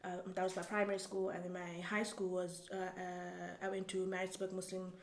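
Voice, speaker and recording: Young woman, from Zambia, Tumbuka first language, halting restarts, echoey room, faint noise. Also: fairly low pitch, completely flat delivery. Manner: thoughtful, halting, with many restarts. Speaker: guest. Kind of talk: casual interview.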